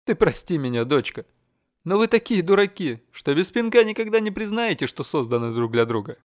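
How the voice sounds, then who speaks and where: A man's voice: fairly high pitch, big pitch swings, fairly quick. A man voicing a sly, fatherly older servant with a raised, chatty voice. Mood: apologetic.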